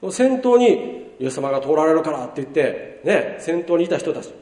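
A man preaching a sermon as a pastor, lively, swinging between loud emphasis and hushed asides. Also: fairly high pitch, moderate pace. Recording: roomy hall reverb from far off.

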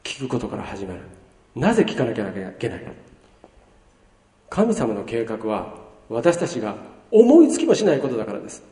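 Animated man preaching in a hall. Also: mid-range voice, moderate pace, pauses often. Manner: lively preaching, swinging between loud emphasis and hushed asides. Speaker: pastor. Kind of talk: sermon. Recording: roomy hall reverb from far off.

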